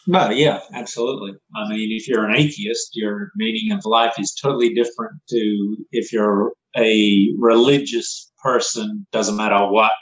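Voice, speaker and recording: A man's voice: on the low side, moderate pace, few pauses, poor audio. Joking middle-aged father as guest. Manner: joking, teasing, plain-spoken. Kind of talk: casual podcast chat.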